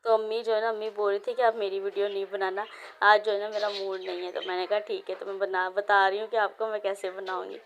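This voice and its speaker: Chatty woman vlogger, flat voice. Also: medium pitch, fast, a little hiss or hum. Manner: chatty, rambling with many fillers. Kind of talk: casual voice-over narration. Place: indoors, recorded as voice-over.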